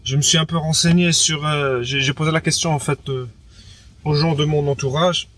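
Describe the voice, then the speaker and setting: A fairly high, steady and fairly bright male voice at a moderate pace belongs to a young French man of Moroccan background giving a casual testimony as an interviewee. Arabic is also his first language, and he hesitates, repeats words and fills gaps with "entre guillemets" and "quoi".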